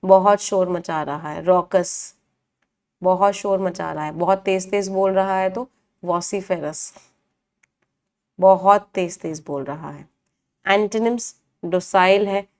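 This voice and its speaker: A woman's voice: fairly low pitch, steady tone, slow. Woman teaching vocabulary in an online class. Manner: asks the class questions and answers them herself, repeats meanings. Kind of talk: online live class, Hindi-English mix.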